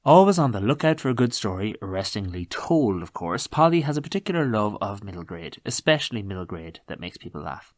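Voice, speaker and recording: A man's voice: on the low side, big pitch swings, brisk, hardly any pauses, no echo, clean studio sound. A man with an Irish accent, hosting a podcast with introductions and conversational interviewing.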